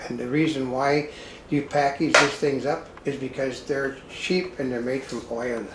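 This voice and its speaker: A man's voice: mid-range voice, fairly even intonation, a little slow. A man co-hosting a casual home cooking demo, talkatively giving tips and addressing viewers as folks. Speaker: cooking show co-host. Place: home kitchen, indoors. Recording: echoey kitchen with clear background noise.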